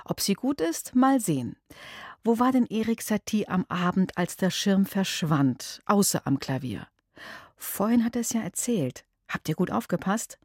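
Animated woman hosting a kids' quiz. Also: mid-range voice, moderate pace, dry recording, clean studio sound. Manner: animated, addresses listeners. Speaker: quiz host. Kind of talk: children's quiz presenting.

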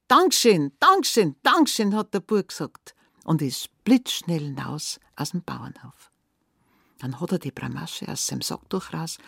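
A woman with a Bavarian accent telling a fairy tale aloud in a lively, conversational way. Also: deep voice, vocal fry, no echo, studio quality. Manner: lively, conversational, dialect words. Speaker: storyteller.

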